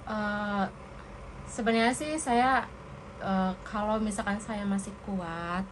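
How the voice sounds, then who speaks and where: A woman's voice: medium pitch, slow pace. Indonesian woman chatting openly, lots of ums, noisy background. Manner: frank, hesitant, many fillers. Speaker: interviewee, domestic worker. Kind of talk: casual chat. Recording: noisy room recording.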